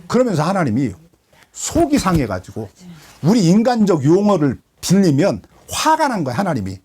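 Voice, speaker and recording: A man's voice: high voice, wildly swooping pitch, moderate pace, warm tone, slightly rough. A man, a pastor, giving a conversational Bible study lecture, checking often that listeners follow and mixing in slangy, joking asides. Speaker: pastor teaching a Bible class.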